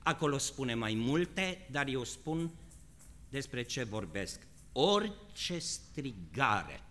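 A male pastor preaching a sermon, moving between shouted, drawn-out high passages and quiet, conversational questions. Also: big pitch swings.

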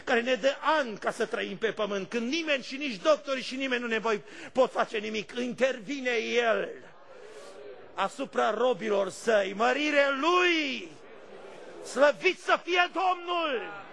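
A male pastor preaching a fervent sermon, shifting between shouted praise and quiet storytelling. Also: extremely high pitch, gravelly.

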